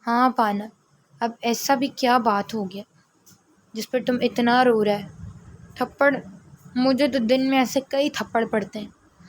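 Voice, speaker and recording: A woman voicing a cheeky, relaxed young man who teases playfully. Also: extremely high pitch, long pauses. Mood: teasing. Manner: teasing, playful.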